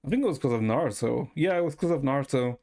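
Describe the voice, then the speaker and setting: A man from Ecuador rambles casually to his livestream viewers, swearing freely as music plays behind him. His mid-range voice is a little mellow, with lively intonation and a fast delivery.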